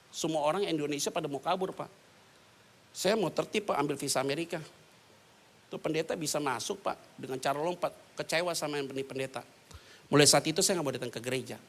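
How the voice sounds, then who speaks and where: A man preaching a lively sermon in a church, animated and joking, with casual slang and acted-out quotes. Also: fairly high pitch. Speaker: pastor.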